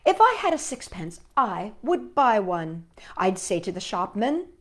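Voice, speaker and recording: Very animated and a little slow, this woman's mid-range voice leads a children's story read-aloud. As storytime host and reader, she performs stories and poems expressively and talks straight to young listeners.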